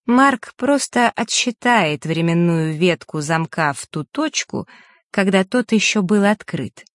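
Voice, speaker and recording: Audiobook narrator, mid pitch, measured and steady, dry close sound. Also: no room sound. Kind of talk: scripted narration.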